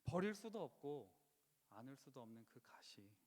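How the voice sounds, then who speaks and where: A man's voice: mid-range voice, sing-song, normal speed, a little mellow. A man preaching a Friday prayer sermon, earnest and pleading, now and then crying out with feeling. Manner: earnest, pleading, rising to impassioned outcries. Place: church sanctuary. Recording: long church hall reverb.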